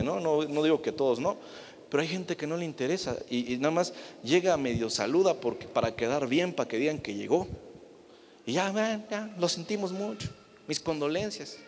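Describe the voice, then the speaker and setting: A man, a pastor preaching an animated sermon and asking the congregation rhetorical questions. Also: fairly high pitch. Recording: long reverb of a church hall.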